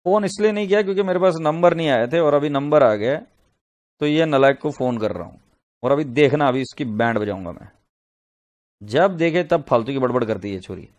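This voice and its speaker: Man, accounting teacher, fairly high voice, scolding, lecture. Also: brisk, darkish tone. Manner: scolding, exasperated outbursts between problem explanations; addresses students as beta ji. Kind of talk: classroom lecture mixing Hindi and English.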